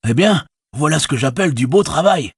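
A loyal, plain-spoken young hobbit speaks in a hushed, earnest voice with some husk. A man voices him in an audiobook reading. The voice is close and dry. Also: a little high, animated, brisk, vocal fry, husky, no room sound, pitched above the performer's own voice, heavily acted. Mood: wry.

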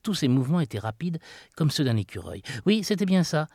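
A man narrating a children's audiobook, telling it expressively with dramatic rises and hushed asides. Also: on the high side, sing-song, fairly quick, creaky, no echo, clean studio sound.

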